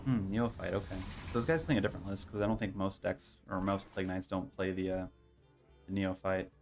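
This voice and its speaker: A man giving casual, low-key gameplay commentary, thinking aloud as he plays. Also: fairly even intonation, brisk, a little mellow. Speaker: streamer playing a card game. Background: faint game music.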